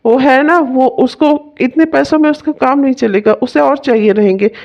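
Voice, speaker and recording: Woman voicing a caring cartoon big brother, high voice, coaxing and affectionate, dull lo-fi sound. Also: moderate pace, creaky, darkish tone. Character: kind elder brother-in-law, protective and generous man. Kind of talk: cartoon voice acting.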